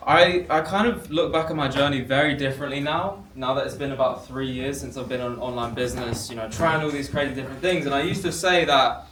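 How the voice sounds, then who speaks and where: A man's voice: medium pitch, fairly quick, a bit bright. A young man telling his own story to an audience, reflective, with fillers and restarts. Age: young adult. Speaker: co-founder speaking to an audience. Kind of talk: personal storytelling talk on stage. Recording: roomy room, mic far off, faint noise.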